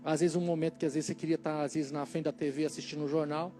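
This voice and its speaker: A middle-aged man from Brazil with a fairly high voice gives casual, faith-based parenting advice. He tells stories and acts out their dialogue in an animated way. Soft music plays faintly underneath. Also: racing. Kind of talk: casual motivational talk to parents.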